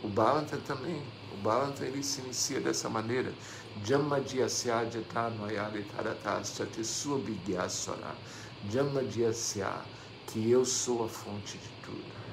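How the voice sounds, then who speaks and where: Brazilian man, religious teacher giving scripture commentary, gravelly voice, noisy room tone behind him. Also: medium pitch, measured pace. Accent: Brazilian Portuguese. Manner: repeats phrases, asks rhetorical "não é?". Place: devotional center hall.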